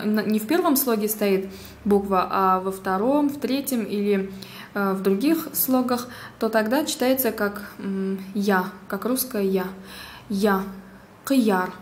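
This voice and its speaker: A woman teaching a pronunciation lesson, speaking carefully with pauses and small fillers. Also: medium pitch. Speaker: language teacher.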